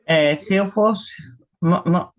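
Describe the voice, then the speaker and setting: Slow, hesitant Brazilian male student. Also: high voice. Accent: Brazilian Portuguese. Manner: slow, hesitant pronunciation practice. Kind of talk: repeating words in class.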